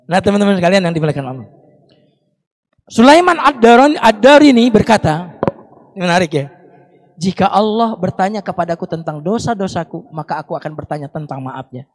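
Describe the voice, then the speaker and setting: A man's voice: fairly high pitch, quick pace. A young man preaching a Ramadan sermon to a congregation, chatty and teasing, breaking into recited Arabic prayers. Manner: conversational, teasing asides to the congregation. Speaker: Islamic preacher.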